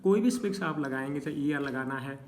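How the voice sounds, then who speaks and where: Male teacher, fairly high voice, patient explainer, steady classroom lesson delivery. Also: a little fast, slight background noise. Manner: patient, repeats checks like "okay" between examples. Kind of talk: explaining spelling rules to students.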